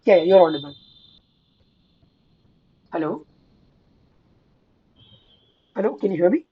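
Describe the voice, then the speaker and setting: A woman talking through math on a video call whose audio keeps cutting out, speaking in halting, thinking-aloud bursts. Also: on the low side, animated, narrow, tinny audio. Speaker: student in a study call. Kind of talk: casual math discussion.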